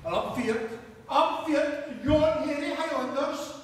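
A man's voice: very high voice, measured pace, distant mic, noisy background. A man playing a timid, cowardly bumbling soldier, on stage in an echoey church hall. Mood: fearful. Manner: fearful, self-mocking. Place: large church hall, live stage show.

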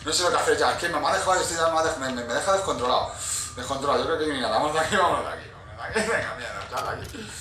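A man's voice: on the high side, lively intonation, racing, hardly any pauses, sharp tone, echoey room, recorded from a distance, a little hiss or hum, rough recording. A man with an accent from Spain nervously commentating a horror game, swearing a lot and yelping at scares. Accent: Spain Spanish. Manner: jumpy, swearing, nervous chatter with sudden yelps. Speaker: gaming youtuber.

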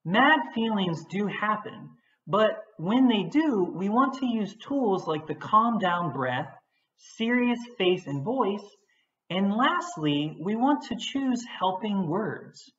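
A woman teacher giving a patient, gentle lesson on feelings for young children. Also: mid-range voice, expressive, takes it slowly. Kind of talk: children's social-emotional lesson. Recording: echoey, dull recording.

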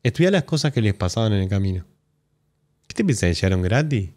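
A man's voice: lowish voice, big pitch swings, quick pace, darkish tone. A man with an Argentine accent, hosting a live stream and reacting to clips in blunt, sarcastic, profanity-heavy commentary. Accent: Argentine Spanish. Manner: blunt, sarcastic, swears often.

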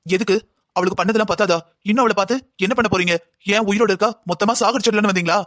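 A man's voice: sits high, rapid-fire, a bit bright, dry recording, studio quality. A man voicing a stern, grieving father in a cartoon drama who reproaches his son-in-law. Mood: reproachful. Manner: reproachful, accusing.

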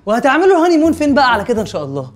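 An actor with an Egyptian accent playing Youssef, a young, hot-tempered, jealous husband in a TV comedy. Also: male voice, extremely high pitch, huge pitch swings, faint music behind, exaggerated voice. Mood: angry. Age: young adult. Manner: loud and fast, shouting threats.

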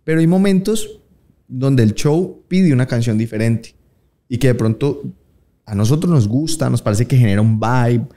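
A man in his thirties with a Colombian Paisa accent, chatting casually in an interview, slangy and relaxed, acting out the voices of people he quotes. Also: mid-range voice, normal speed. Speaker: interviewed singer.

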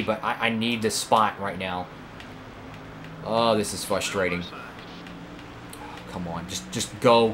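A man commentating live over his own racing game career run, excitable and prone to sudden outbursts at other drivers and his car. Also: fairly low pitch, background noise. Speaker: gaming YouTuber.

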